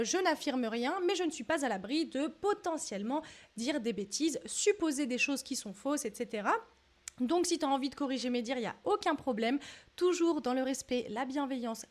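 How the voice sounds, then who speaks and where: High-voiced chatty woman vlogger. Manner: chatty, exclamatory, full of fillers. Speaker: dance video host. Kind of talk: casual reaction vlog.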